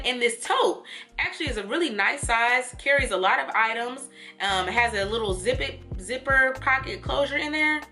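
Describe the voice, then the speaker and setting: A young woman chatting casually through a clothing try-on haul and storytime, animated and laughing as she talks. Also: on the high side. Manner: chatty and animated, laughing and doing little quoted voices. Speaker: vlogger.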